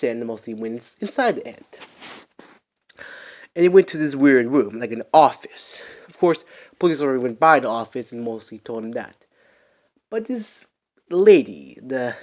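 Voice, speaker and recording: A man's voice: mid-range voice, darkish tone. Rambling man improvising a story. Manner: rambling, halting, many restarts and fillers.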